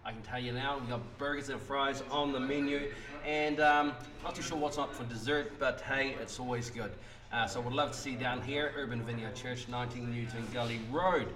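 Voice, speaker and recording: A man's voice: mid-range voice, steady tone, moderate pace, hardly any pauses, echoey room, music in the background. A man hosting a casual live community radio interview, upbeat and full of ums. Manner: upbeat, many ums and awesomes. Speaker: radio host. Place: community radio broadcast from a church.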